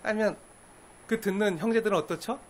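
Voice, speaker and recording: A man preaching a sermon as pastor, explaining a scripture passage in a lively way and acting out little quoted lines with chuckles. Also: high-pitched, a little fast. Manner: animated, acts out quoted lines with laughter.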